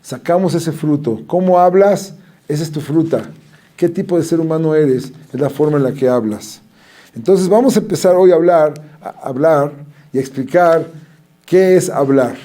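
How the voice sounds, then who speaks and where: A man's voice: on the high side, normal speed. A man giving a rabbi's Torah lecture, telling stories and acting out the voices of the people in them. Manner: animated storytelling, acting out quoted voices.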